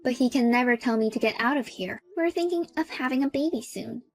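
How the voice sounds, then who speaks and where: A high-voiced, entitled young sister-in-law, played by a woman in a storybook drama. She talks in a smug, demanding way, as if everything is already hers. Soft music plays faintly underneath. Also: fairly quick. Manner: smug, demanding, then pleading. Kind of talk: storybook character voice.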